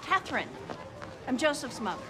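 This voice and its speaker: High-pitched indignant American mom. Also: female voice, sing-song, normal speed, poor audio. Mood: annoyed. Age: middle-aged. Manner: confrontational, accusatory, repetitive. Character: indignant, combative middle-aged mother of a schoolboy. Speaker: actor. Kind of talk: comedy film acting. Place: covered outdoor school yard. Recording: background noise of an outdoor location.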